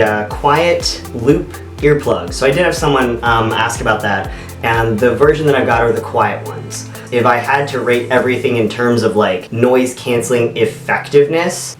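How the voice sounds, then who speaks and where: Echoey, casual man reviewing on camera. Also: mid-range voice. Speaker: video reviewer. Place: echoey room in an apartment. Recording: echoey bare apartment, distant mic, faint music.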